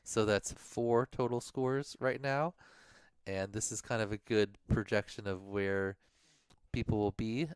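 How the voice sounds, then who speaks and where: Mellow-voiced man going over race standings. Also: lowish voice, fairly even intonation, unhurried, clear, resonant tone, no room sound, clean studio sound. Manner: thinks aloud, mumbles. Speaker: livestream co-host.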